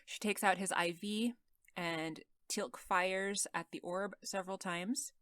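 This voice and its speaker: A woman's voice: medium pitch, steady tone, takes it slowly, a bit bright, no echo, studio quality. A woman co-hosting a podcast, recapping an episode in casual chat, laughing often and quoting the characters' lines. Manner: chatty, laughs often, retells scenes with quoted lines. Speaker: podcast co-host.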